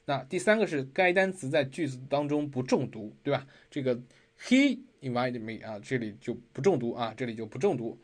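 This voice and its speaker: A man's voice: medium pitch, a little fast, hardly any pauses. A man teaching English pronunciation in a recorded online lesson, explaining patiently and repeating phrases with frequent fillers.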